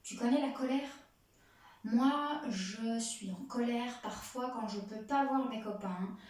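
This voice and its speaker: A woman's voice: fairly high pitch, takes it slowly, a little mellow. A young adult woman teaching a playful yoga lesson to children, with a sing-song manner that speaks straight to the child. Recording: echoey room, voice from far off.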